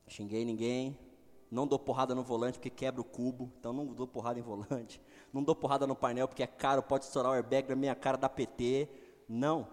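A middle-aged pastor preaching a sermon, swinging between loud exclamations and quiet asides. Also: male voice, mid-range voice. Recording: long hall reverb.

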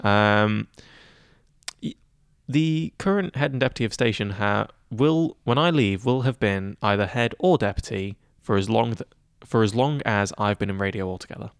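A man's voice: lowish voice, moderate pace, clean tone, no echo, clean studio sound. A young man, a guest on a student podcast, talking casually and rambling with many fillers and restarts. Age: young adult. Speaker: guest, student head of news. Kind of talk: casual interview chat.

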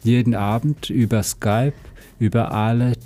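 A man with a Russian accent speaking German as a second language, telling his story casually and haltingly as an interview guest. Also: mid-range voice, steady tone, mellow. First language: not a native German speaker. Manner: halting, searching for words.

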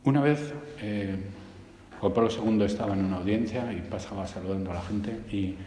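Lively Spanish-priest, echoey hall. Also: male voice, fairly low pitch, fairly quick, a little hiss or hum. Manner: lively storytelling with frequent restarts. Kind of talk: homily.

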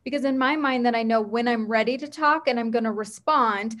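A woman's voice: fairly high pitch, a little fast, a bit bright. A woman co-hosting a podcast, explaining things in a casual, conversational way. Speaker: podcast co-host.

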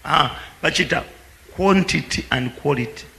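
Lively preacher man, bright voice. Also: a little high, moderate pace, creaky. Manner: lively, teasing, calls out to the congregation. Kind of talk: sermon with live interpreter. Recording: echoey hall with faint background noise.

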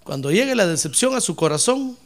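Lively, high-voiced pastor preaching. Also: male voice, fairly quick, a little hiss or hum. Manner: animated preaching, acts out church members in put-on voices. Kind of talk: sermon.

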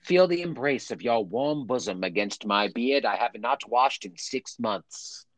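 A man putting on the voice of a pompous 1800s gentleman reading out a love letter. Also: mid-range voice, expressive, measured pace, dry recording, voice pushed down, rough recording. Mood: mock romantic.

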